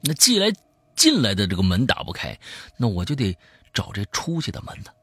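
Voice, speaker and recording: A man who hosts a show, telling a scary story in the first person, swinging from hushed to loud. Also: on the low side, huge pitch swings, brisk, husky, no room sound. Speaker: host reading a listener's story.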